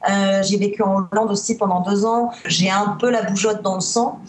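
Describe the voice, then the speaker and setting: A woman's voice: mid-range voice, fairly even intonation, normal speed, roomy sound. A middle-aged woman from Spain, a guest in a casual radio interview, thinking aloud with many hesitations and restarts. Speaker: guest, guidebook author living abroad.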